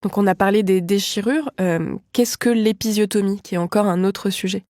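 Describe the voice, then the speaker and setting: A woman hosting a podcast, asking a guest measured questions. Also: mid-range voice, a little mellow, no echo, clean studio sound. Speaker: podcast host.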